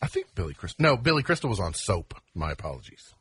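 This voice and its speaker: A man's voice: deep voice, very animated, quick pace, a bit bright, breathy edge. A man co-hosting a casual radio show, reading date trivia and chatting. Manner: reads almanac items, then riffs. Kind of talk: casual morning radio chat.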